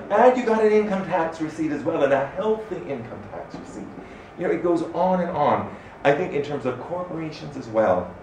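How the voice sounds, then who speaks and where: A middle-aged man from Canada giving an animated, expressive public talk as an arts director in a small room. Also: mid-range voice. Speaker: arts director speaking at a salon. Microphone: standing microphone. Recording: echoey room from far off, faint noise.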